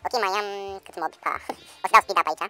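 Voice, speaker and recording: A man giving excitable let's-play commentary, swearing and yelling at enemies over loud game music. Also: sits high, poor audio. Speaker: gaming channel host.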